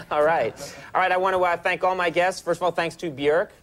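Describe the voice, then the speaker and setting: A man hosting a late-night talk show in a TV studio, quick and joking with stumbling restarts. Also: high-pitched, fairly even intonation, heavy background noise. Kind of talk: talk-show host interview. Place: TV studio at a desk.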